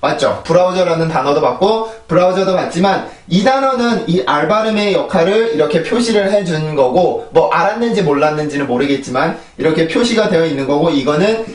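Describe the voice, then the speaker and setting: A man's voice: on the high side, lively intonation, brisk, hardly any pauses, distant mic. A man teaching English pronunciation, explaining patiently and repeating model words several times over. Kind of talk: pronunciation lesson. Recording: echoey room, voice a bit off-mic.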